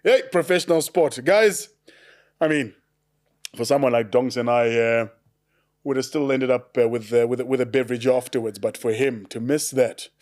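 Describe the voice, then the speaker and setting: A man's voice: medium pitch, normal speed, a little mellow. A jovial man co-hosting a casual sports chat show, laughing often and using lots of fillers. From South Africa. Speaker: co-host.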